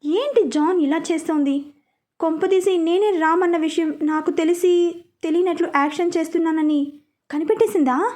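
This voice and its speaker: A woman's voice: very high-pitched, normal speed, a little mellow. A woman voicing a young husband, a mafia man in love, who asks anxious questions in playful banter with his wife.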